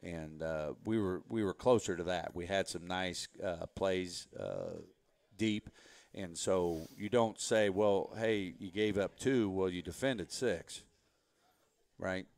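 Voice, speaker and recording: Low voiced coach guy, laid back and rambly, dry close sound. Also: takes it slowly, vocal fry, dry recording. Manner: relaxed, rambling, frequent "you know" fillers. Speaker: head football coach. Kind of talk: casual interview talk.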